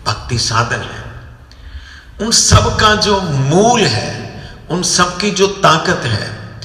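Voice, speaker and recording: Guy telling devotional stories, bright forceful voice, gets loud and high acting out quotes, big echoey hall. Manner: animated, rising sharply when acting out quotes, asks listeners "hmm?". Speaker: speaker at a devotional gathering. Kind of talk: devotional storytelling talk. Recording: echoey hall with long reverb.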